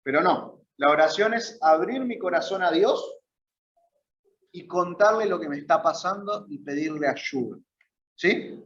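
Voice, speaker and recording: Teaching a conversational Bible class in a church meeting room, this Argentine Spanish-accented man keeps checking in with his audience. His voice is on the high side, animated, a bit bright and a little slow, and the recording sounds roomy with the highs cut off.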